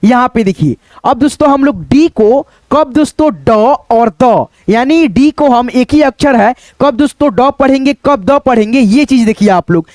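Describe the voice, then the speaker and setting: A man's voice: very high-pitched, animated, moderate pace, few pauses, a little mellow, dry recording. A male teacher giving a spelling and pronunciation lesson at a digital board, often calling viewers his friends and asking and answering his own questions. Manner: calls viewers friends often, repeats each word, asks and answers himself. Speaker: English teacher. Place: classroom-style video at a digital board.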